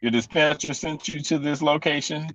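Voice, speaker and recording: A male defense attorney cross-examining a witness in court, pointed and deliberate. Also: on the high side, fairly even intonation, fairly bright tone, no room sound. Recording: dull, dry lo-fi courtroom audio.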